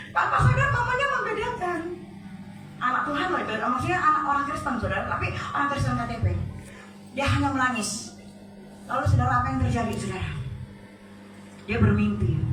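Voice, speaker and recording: A woman's voice: high-pitched, background noise. A woman preacher telling a story in a sermon, often turning to address her congregation directly. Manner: storytelling, often addressing listeners as brothers and sisters. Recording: echoey hall, distant mic, faint music.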